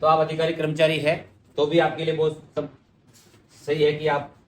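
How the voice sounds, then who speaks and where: Man, teacher, fairly high voice, echoey room, patient, repeats words, asks and answers own questions. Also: monotone, moderate pace, a little hiss or hum. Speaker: Hindi spelling teacher. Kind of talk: exam-prep lesson.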